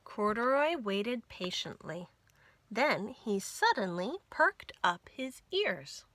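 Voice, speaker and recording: A woman hosting a children's storytime, reading picture books aloud in an expressive, sing-song way. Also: mid-range voice, slow pace. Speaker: children's library storytime host. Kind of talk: animated picture-book read-aloud for young children.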